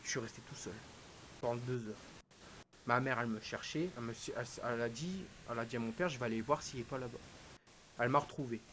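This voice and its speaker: A male streamer recounting a personal loss in halting, emotional storytelling, his voice dropping to a hush and then rising again. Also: medium pitch, poor audio. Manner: halting, quotes dialogue, swings between hushed and raised. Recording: hissy background noise.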